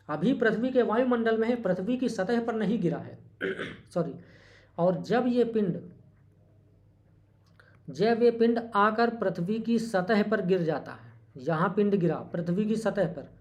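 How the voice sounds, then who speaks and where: A teacher giving an exam-prep lecture who repeats key terms, asks rhetorical questions and corrects small slips with a quick apology. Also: medium pitch, a little mellow.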